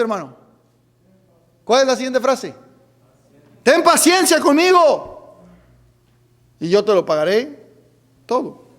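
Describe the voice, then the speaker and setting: High-voiced fervent preacher in a reverberant hall. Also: male voice. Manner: preaching with repeated calls of "hermano" and questions to the congregation; fervent, rising to shouts. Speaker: pastor. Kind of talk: midweek Bible study sermon. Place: church sanctuary.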